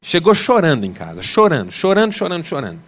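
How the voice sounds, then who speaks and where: Male Brazilian pastor, high for a man, emphatic radio sermon with big loud-soft swings. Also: wildly swooping pitch, quick pace. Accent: Brazilian Portuguese. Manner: emphatic, swinging between loud exclamations and soft low asides.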